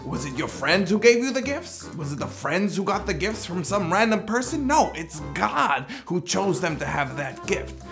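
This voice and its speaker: A man playing an excitable, fatherly old apostle who chides with rhetorical questions in a comic children's monologue. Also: high-pitched, moderate pace, vocal fry, few pauses, soft background music, heavily acted. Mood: playful scolding. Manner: chiding, rhetorical questions, nervous chuckles. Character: excitable, scolding, fatherly elderly Apostle Paul. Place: studio, costumed before a cartoon backdrop.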